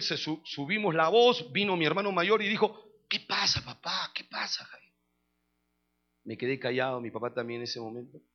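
A man's voice: mid-range voice, creaky. A man preaching a sermon, telling a personal testimony and then leading the congregation in a repeat-after-me prayer, calling listeners brother. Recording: dull lo-fi recording with faint music.

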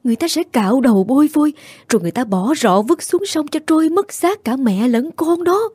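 A man doing a shrill, scolding village aunt. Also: a little fast, mellow, husky. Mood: frantic scolding. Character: older village aunt, anxious, scolding, protective.

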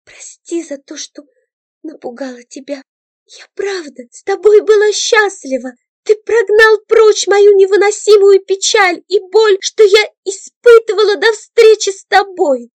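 A woman's voice: very high-pitched, measured pace, a little mellow, dry recording, pitched above the performer's own voice. A woman voicing a young female ghost who speaks emotionally and pleads through tears. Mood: sad. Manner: emotional, pleading, tearful outbursts. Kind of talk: audiobook character voice.

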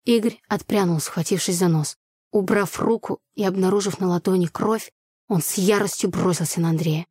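A woman narrating a first-person audiobook story with an even, storytelling delivery. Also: lowish voice, normal speed, slightly rough, dry recording, studio quality.

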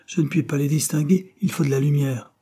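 A man's voice: on the high side, fairly even intonation, fairly quick, dark tone, slightly rough, pitched above the performer's own voice. A man reading aloud and voicing an arrogant, spoiled teenage boy who talks in a scornful, bossy way. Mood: insolent.

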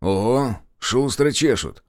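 A man voicing an eager, excitable partisan soldier in wartime. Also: medium pitch, takes it slowly, dry recording, studio quality, natural voice. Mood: excited. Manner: exclaiming, excitable.

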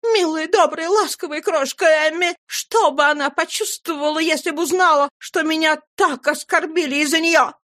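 A woman voicing a proud young woman who sobs and complains in a high wail. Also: moderate pace, few pauses. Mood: tearful outrage. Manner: high, loud, wailing complaint. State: sobbing. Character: proud young woman, tearful and self-pitying.

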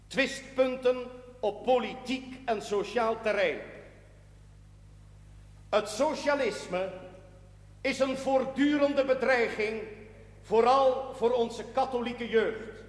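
This high-pitched male voice belongs to a priest preaching a sermon for a period TV drama, declaiming in a solemn, measured way. Long reverb fills the echoing, church-like hall around him.

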